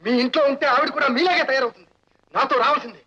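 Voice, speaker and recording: An actor playing a proud, angry son-in-law who speaks in an indignant, declamatory way, in a film melodrama. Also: male voice, very high voice, rapid-fire, sharp tone. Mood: defiant. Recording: dull old film soundtrack.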